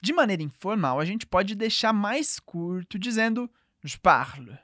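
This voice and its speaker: Lively-voiced woman teaching French. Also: medium pitch, dry recording, clean studio sound. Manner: clear, patient, slows down to model phrases. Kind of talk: language lesson.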